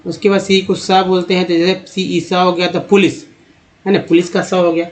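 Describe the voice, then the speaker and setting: A man's voice: high voice, flat delivery, moderate pace. A man teaching English reading in a Hindi-language phonics lesson, steadily spelling out letter groups and repeating their sounds. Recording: dull lo-fi recording.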